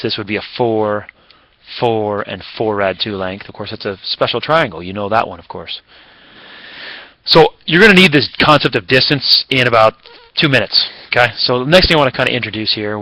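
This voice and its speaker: A man's voice: fairly low pitch, bright, forceful tone, no echo, low-quality recording. A man teaching a recorded math lesson in a casual, chatty way, with fillers and self-corrections.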